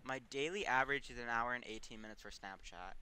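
Young man, laid-back, casual podcast chat, very bright sound. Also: medium pitch, quick pace, clear, resonant tone. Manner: laid-back, asks questions. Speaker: podcast co-host.

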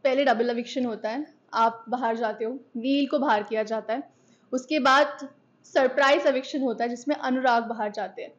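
High-voiced woman interviewer. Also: fairly even intonation, moderate pace. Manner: asks long, detailed questions. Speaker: entertainment interviewer. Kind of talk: interview questions. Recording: dull, muffled audio.

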